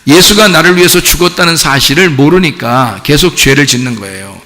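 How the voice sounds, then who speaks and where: Male pastor, sermon, gravelly and bright tone, church sanctuary, long hall reverb. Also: on the high side, brisk. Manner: lively preaching with acted-out dialogue and rhetorical questions.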